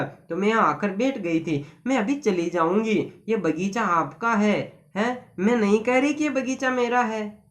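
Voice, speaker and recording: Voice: mid-range voice, natural voice. A teacher reading as a timid little baby bird. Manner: apologetic, hesitant. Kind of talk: reading a story aloud in class.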